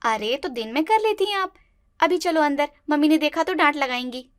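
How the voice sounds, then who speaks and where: A woman voicing a brisk, nosy young sister-in-law in a cartoon, with a chiding manner. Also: high voice, expressive, dry recording, clean studio sound. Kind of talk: cartoon voice acting.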